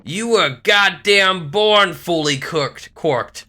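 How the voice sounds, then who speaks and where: A man's voice: high-pitched, slow pace, pushed and bright, pitched above the performer's own voice, heavily acted. A man voicing a cocky, mocking young male crewman who likes to brag. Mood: taunting. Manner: mocking, boastful.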